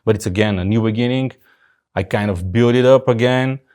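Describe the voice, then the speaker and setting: A man in his forties from Bulgaria with a Bulgarian accent, telling his story as a photographer guest in a relaxed interview. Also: mid-range voice, a little fast. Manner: relaxed, loose sentences with fillers and restarts. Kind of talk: casual interview chat.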